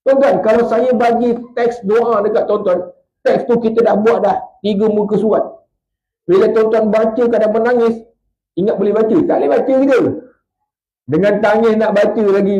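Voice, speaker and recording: High-voiced Malaysian preacher, echoey hall. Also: male voice, dark tone. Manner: emotive storytelling with rhetorical questions to the congregation. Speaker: religious teacher. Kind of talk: evening mosque lecture. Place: prayer hall. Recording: echoey, dull lo-fi hall recording.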